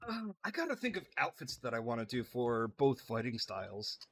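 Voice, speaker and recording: A man's voice: medium pitch, sing-song, moderate pace, a bit bright, slight background noise. A man giving casual, joking commentary while playing a video game. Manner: chatty, joking, reads game lines aloud in silly voices. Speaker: gameplay streamer. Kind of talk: casual let's-play commentary.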